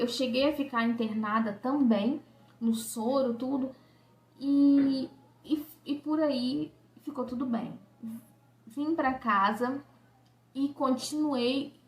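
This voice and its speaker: A woman's voice: fairly high pitch, vocal fry, fairly bright tone, roomy sound. A young woman from Brazil, telling a personal story to camera in an emotional, conversational way. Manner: emotional, conversational, many fillers like "né" and "sabe". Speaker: vlogger.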